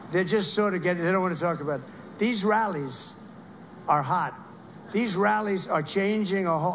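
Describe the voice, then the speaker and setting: A man's voice: high voice, creaky, a bit bright, slight background noise. A man giving a rambling rally speech, heaping repeated praise on people in the crowd. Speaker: political speaker at a rally.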